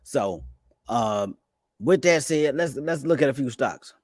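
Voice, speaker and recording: A man giving casual, fast-talking commentary on stocks and crypto, excitable and stumbling over restarts. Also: medium pitch, no room sound. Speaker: finance YouTuber.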